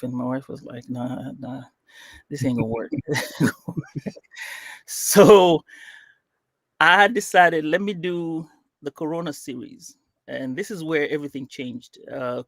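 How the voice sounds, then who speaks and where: A Kenyan man whose first language is Swahili chats loosely as a podcast guest in a casual interview. He rambles, often stopping to search for words, restarting and filling gaps with "uh" and "um." His mid-pitched voice sits close and dry on the mic with no echo.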